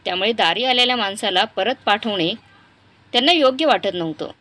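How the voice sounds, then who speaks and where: A woman narrating a moral story in a steady, expressive way. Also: mid-range voice, fairly quick, no room sound.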